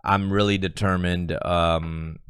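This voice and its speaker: A man's voice: little pitch movement, slow, fairly bright tone, smooth, no room sound, clean studio sound. A man co-hosting a casual podcast, joking and swearing as he tells stories about his family and friends. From grew up in the US with Korean parents. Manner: joking, swearing, mimics people in a high voice. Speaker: podcast co-host. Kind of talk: casual chat.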